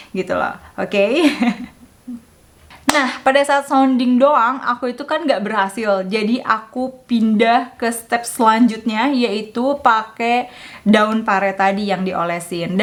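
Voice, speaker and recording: A young woman, telling a casual story as a mom vlogger and acting out quotes in playful voices. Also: fairly high pitch.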